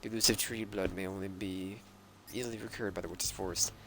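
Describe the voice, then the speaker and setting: A man's voice: low-pitched, fairly even intonation, brisk, background noise. Man putting on a pompous armored old-world carpenter. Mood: pompous, solemn. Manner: pompous, archaic phrasing. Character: grandiose armored carpenter with archaic speech.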